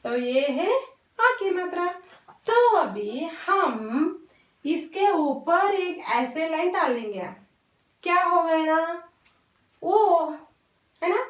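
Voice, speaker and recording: A woman teacher, slowly and patiently explaining vowel signs to young children, often repeating herself and mixing English words into her Hindi. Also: very high-pitched, very animated. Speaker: primary school teacher. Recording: roomy echo, voice from a distance.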